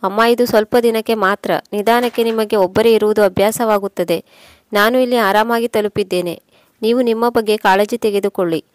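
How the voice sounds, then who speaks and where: A woman's voice: medium pitch, steady tone, brisk, natural voice. A woman voicing a stubborn, ambitious young man set on leaving his village, arguing insistently and impatiently. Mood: matter-of-fact.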